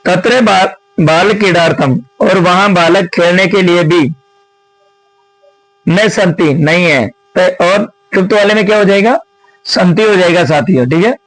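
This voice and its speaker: A man with a fairly high voice works through an exam answer key like a teacher at the board. He often asks a question and answers it himself, and keeps calling his viewers friends. The sound is dry and close, with no room around it. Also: unhurried, fairly bright tone, no echo, rough recording. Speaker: Sanskrit teacher.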